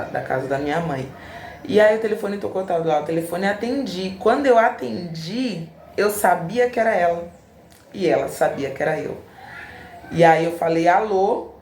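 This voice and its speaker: Brazilian woman in her 40s, deep gravelly voice, emotional storytelling vlog, echoey room. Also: darkish tone, a little hiss or hum. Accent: Brazilian, São Paulo. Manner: emotional, reflective, re-enacts dialogue. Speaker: braider telling a personal story. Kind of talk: casual personal storytelling.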